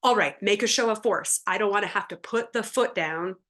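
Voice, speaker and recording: A woman's voice: mid-range voice, a little fast, fairly bright tone, close to an everyday voice. A woman reading the lines of a father's angry male emotion character, barely changing her own voice. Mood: stern. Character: a father's gruff male anger emotion, commanding.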